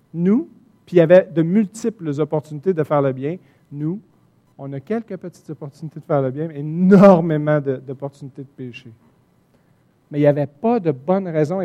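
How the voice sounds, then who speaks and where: A man with a Quebec French accent preaching a sermon, swinging from soft asides to loud, emphatic points. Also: fairly high pitch. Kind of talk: sermon teaching from the Bible.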